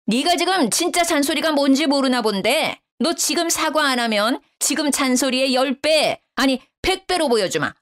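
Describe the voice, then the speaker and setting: Woman doing a bossy middle-aged mother-in-law, condescending, scolding, high raised voice.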